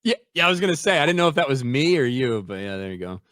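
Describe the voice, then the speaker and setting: A blunt, foul-mouthed man in casual podcast talk, his pitch bouncing up and down with every point. His voice sounds close and dry, with no room around it. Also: fast, no echo. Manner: blunt, profane, animated. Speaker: podcast co-host reading chat. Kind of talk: casual chat.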